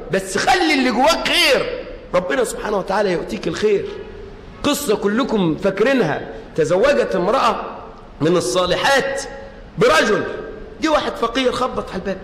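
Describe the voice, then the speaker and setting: A man preaching a sermon with an Egyptian accent, telling stories in a hushed voice and then shouting his exhortations. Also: very high voice. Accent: Egyptian Arabic. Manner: impassioned, swings between hushed storytelling and shouted exhortation. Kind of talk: sermon storytelling. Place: mosque. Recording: echoey hall reverb.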